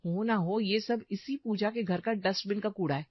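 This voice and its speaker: A woman voicing a young gossipy daughter-in-law in a cartoon story, shrill and accusing. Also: moderate pace, no echo, highs cut off, natural voice.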